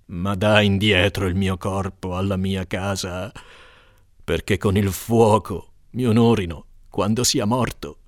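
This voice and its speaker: A noble, doomed warrior prince speaks in a grave and solemn voice with a bright, tense edge, as a man acts him out. The sound is close and dry, like an epic audiobook reading. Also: mid-range voice, a little slow, no echo. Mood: pleading.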